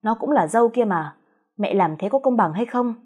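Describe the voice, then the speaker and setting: A woman's voice: fairly high pitch, lively intonation, moderate pace, darkish tone, slightly rough. A woman voicing an upset young husband in a storybook reading, questioning his mother indignantly.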